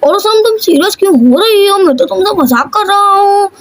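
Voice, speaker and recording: A woman's voice: very high voice, lively intonation, fairly quick. A woman voicing a cheeky cartoon boy. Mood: teasing. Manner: teasing, chatty. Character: cheeky young village boy.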